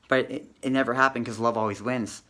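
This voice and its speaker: A man's voice: medium pitch, fairly even intonation, fairly quick, sharp tone. A young man ranting to camera in a heated, repetitive way, swearing and tacking "man" onto his lines. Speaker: vlogger. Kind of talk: agitated rant to camera.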